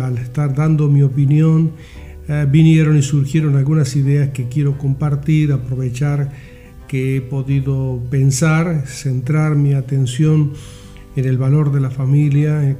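A man hosting a solo podcast, explaining things informally in measured, halting phrases. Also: mid-range voice, dark tone. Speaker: podcast host. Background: music.

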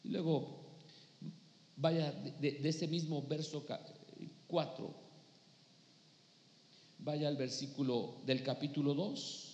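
A man's voice: on the high side, fairly even intonation, slow, pauses often, darkish tone, slight background noise. A man preaching a sermon as pastor, reading scripture and calling out to his congregation with emphatic bursts. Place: church hall. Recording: echoey church hall with long reverb.

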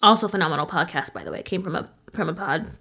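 A woman's voice: lowish voice, lively intonation, racing, creaky, pushed and bright. A woman hosts a casual podcast conversation. She talks freely and chattily, laughs often, and drops the odd swear word. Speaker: podcast host.

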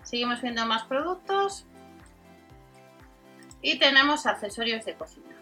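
A woman with an accent from Spain hosts an informal product rundown in a high, strikingly bright voice. She goes item by item through details and prices, with music behind her. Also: animated, unhurried. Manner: reads out specs and prices item by item. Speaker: host of a shopping video channel.

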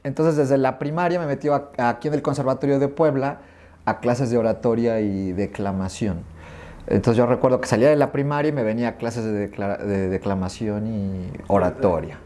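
Mexican guy in his middle years, animated storyteller, does all the voices in his anecdotes. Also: medium pitch, a little fast. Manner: animated, acts out remembered dialogue. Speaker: guest. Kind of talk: storytelling in an interview.

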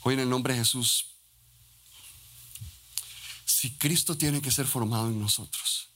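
A Costa Rican pastor preaching a sermon in a fervent way, often restarting and adding tag questions. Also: male voice, medium pitch, a little slow, sharp tone, a little hiss or hum. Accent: Costa Rican Spanish. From Costa Rica.

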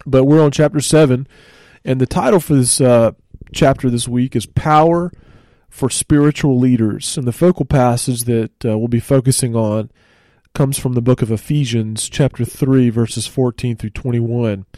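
Relaxed man with a mellow voice. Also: medium pitch, normal speed, no room sound. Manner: relaxed, conversational, frequent fillers. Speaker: church ministry host. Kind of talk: casual church podcast teaching. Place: studio.

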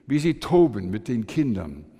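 A man's voice: normal speed, slightly rough. Older man preaching in a reverberant hall. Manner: animated storytelling with lively swings in pitch and loudness; hesitant, with frequent fillers and restarts. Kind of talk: sermon.

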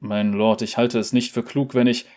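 A man voicing a loyal, dutiful veteran seneschal in a measured, solemn tone. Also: medium pitch, little pitch movement, a little mellow, natural voice. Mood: grave.

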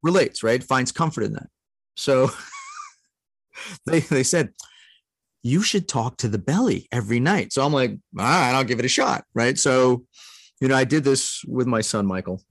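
A man's voice: mid-range voice, lively intonation, normal speed, long pauses, no room sound. A middle-aged man sharing a heartfelt personal story as a podcast guest, earnest and emotional, laughing often.

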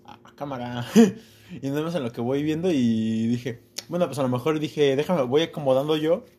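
A man's voice: mid-range voice, moderate pace, dark tone. A young Mexican man telling a story in casual podcast chat, slangy, swearing a lot and laughing often. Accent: Mexican Spanish. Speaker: podcast host.

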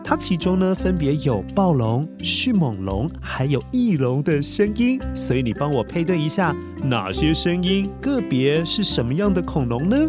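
A man's voice: fairly high pitch, very animated, moderate pace, few pauses, over music. A man hosting a children's story show, narrating playfully and often putting questions to the young listener.

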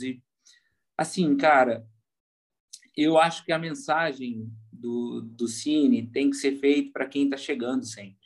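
A man, a pastor guest on a podcast, talking casually and earnestly, explaining his points with vivid everyday examples. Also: medium pitch. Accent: Brazilian Portuguese.

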